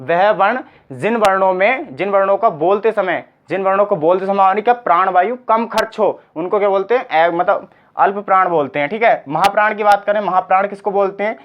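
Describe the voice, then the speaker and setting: A man's voice: high voice, a little fast. A man teaching a grammar lesson for exam prep, repeating each point and asking rhetorical questions before he answers them. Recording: slightly dull lo-fi sound.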